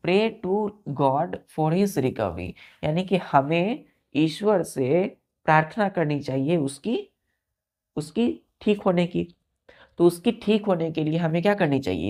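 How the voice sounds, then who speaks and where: This woman speaks low and expressively, unhurried, with a darkish tone, while teaching a vocabulary lesson. Spelling every word letter by letter, she repeatedly asks "clear?" to check that students are with her.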